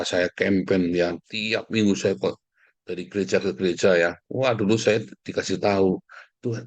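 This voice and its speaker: A middle-aged man, preaching a fiery sermon in a scolding, combative way that swings between loud outbursts and hushed asides. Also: deep voice, no room sound.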